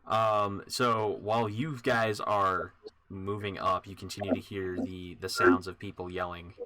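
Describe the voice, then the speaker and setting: A man narrating as dungeon master in a relaxed way with many pauses and fillers. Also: low voice. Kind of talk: narrating a tabletop game.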